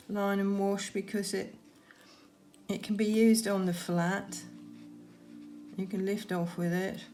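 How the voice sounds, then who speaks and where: A woman giving gentle, unhurried painting instruction, talking through her work as she goes, with trailing pauses. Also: medium pitch. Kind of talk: unscripted painting demonstration, talking while working.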